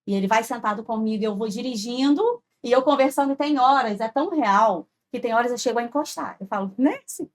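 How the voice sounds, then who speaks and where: A woman's voice: fairly high pitch, fast talker, few pauses. A woman, a podcast guest telling an earnest personal faith story and often checking in with "sabe?". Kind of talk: heartfelt personal testimony.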